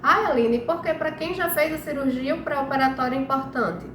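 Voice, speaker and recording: A woman's high, slightly fast voice carries a nasal, congested quality as she recovers from the flu. She's a Brazilian host of a health live stream, explaining informally and regularly checking that viewers follow along. The audio has echo and clear background noise.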